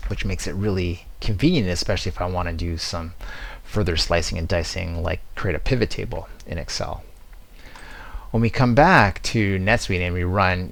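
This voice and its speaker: Presenting a software demo, a man with a low, gravelly voice explains the walkthrough step by step and stresses his key words.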